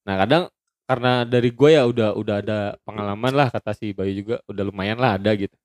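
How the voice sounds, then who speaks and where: A man's voice: on the low side, quick pace, darkish tone, no room sound, studio quality. A young man with a Jakarta accent chatting casually in Jakarta slang, circling back to clarify his points.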